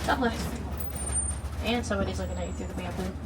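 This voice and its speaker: A woman giving live safari tour commentary as guide and driver, chatty and playful with small jokes. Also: fast talker. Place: open safari truck outdoors. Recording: very noisy moving vehicle, distant mic. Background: vehicle rumble, outdoor ambience.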